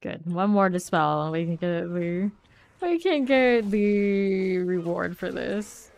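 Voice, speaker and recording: A woman with a lowish, darkish voice speaks slowly and expressively, with vocal fry, while streaming a game. Congested and sniffly from a cold, she chats to herself casually, thinking aloud and questioning her own choices as she plays.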